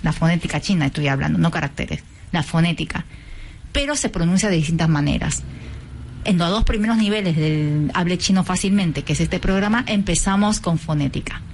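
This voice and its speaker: A woman with an Argentine Spanish accent, president of a cultural association, patiently explains lessons during a radio interview, singing out tones to demonstrate in a teacherly way. Her voice is fairly low, brisk and a little mellow, with a bit of hiss or hum on the recording.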